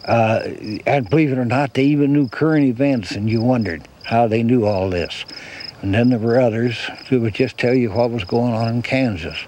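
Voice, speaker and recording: A man's voice: medium pitch, moderate pace, slight background noise, low-quality recording. An older American man telling oral-history recollections, leaning on repeated phrases for emphasis. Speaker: interviewee. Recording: loud outdoor ambience with insects.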